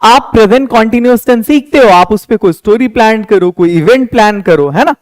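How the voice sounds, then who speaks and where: A young man teaching a spoken English lesson, patiently explaining and slowly repeating example sentences. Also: high voice, animated, dry recording.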